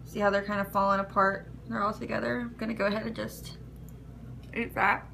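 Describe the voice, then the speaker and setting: A woman's voice: mid-range voice, little pitch movement, fairly quick, vocal fry, sharp tone, a little hiss or hum, rough recording. A woman hosting a casual cooking demonstration, walking through each step in an easygoing, chatty way. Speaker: cooking video host.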